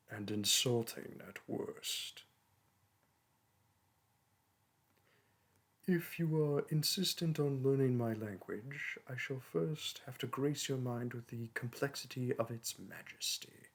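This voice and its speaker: In this roleplay recording, a man plays a young dragon instructor of human pupils, his husky, medium-pitched voice delivering grand, old-fashioned speech. The dragon comes across as scornful and superior, pompously looking down on the listener as an inferior being.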